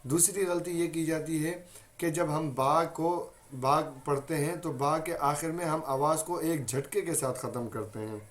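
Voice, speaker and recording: A man with a Pakistani Urdu accent teaches a Quran recitation lesson, patiently going over each point again and voicing letters as examples. His voice is on the high side and his pace measured.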